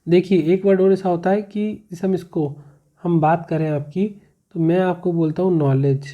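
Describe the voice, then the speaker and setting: Male teacher, mellow and patient, repeats each rule for the class, muffled lo-fi recording. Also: high-pitched, fairly even intonation. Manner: explains slowly, repeats rules, asks questions back. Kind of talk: classroom grammar lesson. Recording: muffled, slightly lo-fi.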